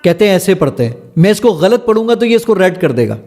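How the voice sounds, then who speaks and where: A man's voice: high-pitched, sing-song, a little mellow. A man, the founder of an app, eagerly explaining and demonstrating its features step by step as a podcast guest. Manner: eager, stepping through features one by one.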